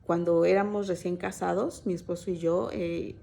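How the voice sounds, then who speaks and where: A woman's voice: on the low side, fairly even intonation, moderate pace, gravelly, warm tone. A woman giving an informal sermon to a church women's group, talking hesitantly with many fillers and restarts and telling stories to her sisters in faith. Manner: conversational storytelling, addressing listeners as sisters. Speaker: women's Bible teacher at church.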